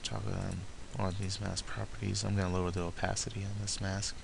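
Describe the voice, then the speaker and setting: Low, monotone man giving a software tutorial. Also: vocal fry, background noise. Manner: halting, talks through each step as he does it. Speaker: tutorial presenter. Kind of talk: step-by-step software tutorial narration.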